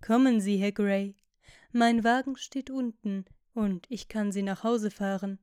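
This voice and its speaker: A woman voicing a witty, cynical aristocratic gentleman who talks in ironic, lecturing tones. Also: medium pitch, steady tone, a little slow, clean tone, dry recording, clean studio sound, lightly acted.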